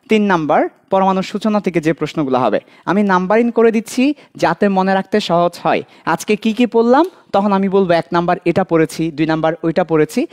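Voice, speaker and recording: A chemistry tutor with a Bangladeshi accent teaches an online admission-prep class. The tutor says each key point twice and puts quick questions straight to the students. Light joking asides break up the drilling. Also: medium pitch, darkish tone. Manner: repeats key points, quizzes students directly.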